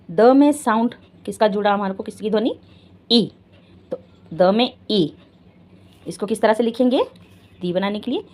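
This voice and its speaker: A woman's voice: mid-range voice, a little mellow. A woman teaching a children's Hindi lesson, patient, asking the children questions and repeating each step.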